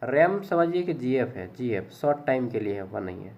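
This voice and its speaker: A man's voice: mid-range voice, very animated, normal speed, gravelly. A man teaching exam questions in a casual, joking lecture style, often repeating fillers like "ठीक है". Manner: chatty, jokey, repeats "ठीक है". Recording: dull lo-fi recording.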